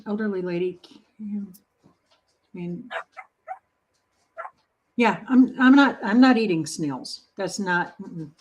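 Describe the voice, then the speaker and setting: A woman's voice: medium pitch, animated, slow pace, pauses often, a little hiss or hum. Casual woman host on a home baking stream, friendly chat with viewers, encouraging and playful. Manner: chatty, reads and answers viewer comments.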